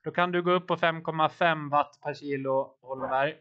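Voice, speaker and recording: A man with a fairly high voice coaches his riders live, cheering them on and calling out power numbers. The audio is dull and lo-fi, like a voice-chat stream. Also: steady tone, fairly bright tone, clean tone. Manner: encouraging, calls out watts and turns. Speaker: team coach.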